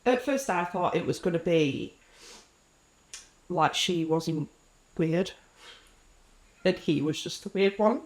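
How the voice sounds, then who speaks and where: A woman's voice: fairly low pitch, animated, slow pace, long pauses, darkish tone. Sarcastic woman in a roomy echo. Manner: playful, sarcastic, swears casually. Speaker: podcast co-host. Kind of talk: casual chat about a horror book.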